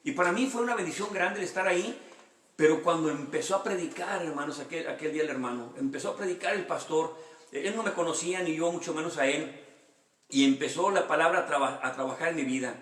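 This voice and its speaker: A man's voice: a little high, quick pace, a bit bright, echoey room. A man, a pastor giving a sermon with his own testimony, earnest and repeating phrases for emphasis. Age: 50s.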